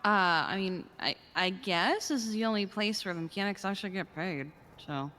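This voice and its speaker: A woman's voice: mid-range voice, expressive, moderate pace, sharp tone, in a large hall, a little hiss or hum. A woman playing an easygoing, agreeable customer in a casual game role-play, hesitant and repeating phrases.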